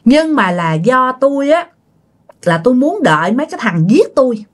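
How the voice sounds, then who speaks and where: A woman's voice: high voice, sing-song, normal speed, voice pushed up. A woman with a Southern Vietnamese accent voicing the tearful, vengeful ghost of a murdered husband in a told ghost story. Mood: stubborn.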